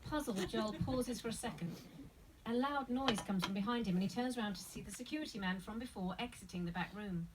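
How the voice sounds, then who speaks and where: A woman narrates stage directions at a screenplay table read. Her voice sits at an average female pitch, picked up from a little way off with some noise around it. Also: fairly quick, far from the mic.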